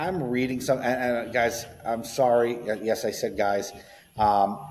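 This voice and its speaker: A man's voice: on the low side, darkish tone. Rambling man on sports radio, echoey. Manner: rambling, many restarts, swears. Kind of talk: casual sports chat.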